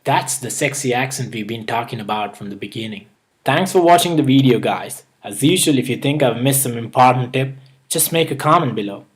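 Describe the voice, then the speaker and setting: On his own YouTube channel, a young man with a mild Indian accent runs through earnest, stepwise tips from a script, point by point. His voice sits in the mid range, with lively intonation and a brisk delivery.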